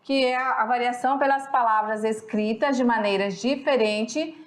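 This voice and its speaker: High-voiced Brazilian woman teaching a class. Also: normal speed. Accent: Brazilian Portuguese. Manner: chatty, keeps checking in with the class. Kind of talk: recorded online class lecture. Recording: echoey room.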